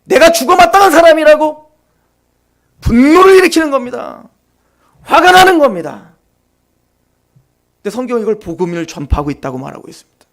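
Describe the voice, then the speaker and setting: A male pastor preaching an impassioned sermon, firing rhetorical questions at the congregation and dropping to quiet asides. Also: very high voice, sing-song, brisk, long pauses.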